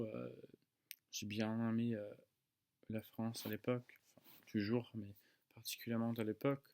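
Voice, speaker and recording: A man in his early twenties from the United States speaks non-native French with an American accent, casually and haltingly, searching for words and correcting himself. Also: on the low side, a little mellow. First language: English. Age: early 20s. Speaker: student video maker. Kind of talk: casual talk to camera.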